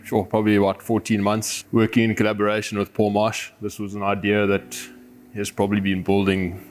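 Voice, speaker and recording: A man from Zimbabwe, an adventurer and overlander, is interviewed for a documentary, speaking earnestly and philosophically in a reflective, conversational way with a Zimbabwean accent. His lowish voice is monotone and fairly quick, with a little hiss or hum and music in the background.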